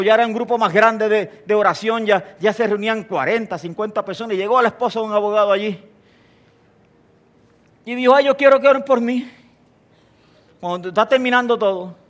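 Older preacher, animated storyteller with jokes, fairly high and sharp-toned voice. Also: male voice. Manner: animated storyteller, humorous asides, asks the congregation questions. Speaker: pastor. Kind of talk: sermon.

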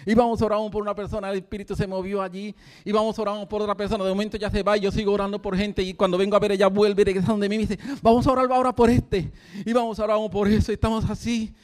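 A man's voice: high voice, little pitch movement, racing. A man preaching a sermon, telling a story with fervent energy and breaking into laughter. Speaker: pastor.

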